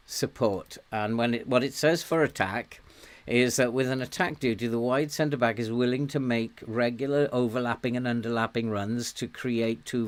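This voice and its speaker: A man with a mid-range voice live-streams a management game, greeting viewers and thinking out loud with lots of ums and soft chuckles. His throat is sore and his voice is giving out.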